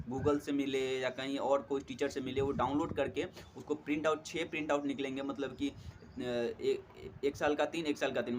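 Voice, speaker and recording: A young male tutor for exam prep, with a voice on the high side and a little hiss or hum, gives easygoing study advice. He keeps it friendly, calls listeners friends, says "theek hai doston" again and again, and uses plenty of fillers.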